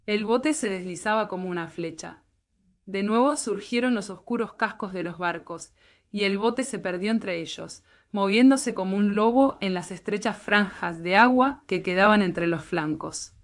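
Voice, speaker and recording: Woman reading a calm bedtime story. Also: mid-range voice. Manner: slow, soothing reading. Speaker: audiobook narrator.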